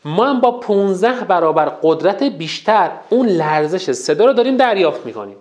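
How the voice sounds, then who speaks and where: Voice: mid-range voice, sing-song, darkish tone. A public speaking teacher giving a recorded course lesson, counting off numbered tips and demonstrating them.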